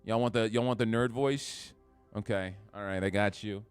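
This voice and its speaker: A man giving excitable, jokey commentary while playing a game on a live stream. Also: fairly low pitch, normal speed, clean tone, faint music behind. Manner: excitable, jokey trash talk.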